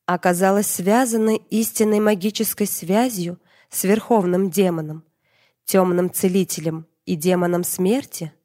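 A woman reading a dark fantasy novel as an audiobook narrator, in a measured, dramatic way. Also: fairly low pitch, steady tone.

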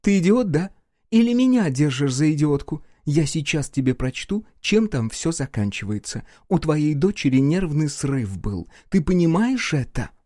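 A man putting on a sharp-tongued divorced mother, pushed past her patience and biting in every reply. Her voice sits well above his own, swinging widely in pitch, with a darker, mellow timbre. It is read close and dry, like an audiobook. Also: big pitch swings, measured pace, few pauses, no room sound. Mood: scathing. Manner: sarcastic, indignant, raised voice. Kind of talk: audiobook character voice.

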